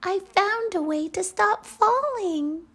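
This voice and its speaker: Woman doing a tiny high proud snowflake. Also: expressive, slow pace, a bit bright, full character voice.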